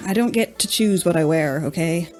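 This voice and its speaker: A woman's voice: fairly low pitch, moderate pace, a little mellow. A woman player speaking in character, cocky and teasing, with faint music behind. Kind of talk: in-character tabletop role-play.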